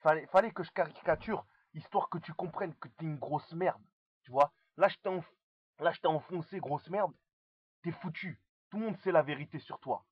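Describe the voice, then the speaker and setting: A man's voice: a little high, normal speed, breathy edge, no echo, lo-fi sound. A man from Limousin, France, half-rapping a boastful, insulting diss freestyle, often tagging his lines with a questioning "hein". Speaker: amateur rapper.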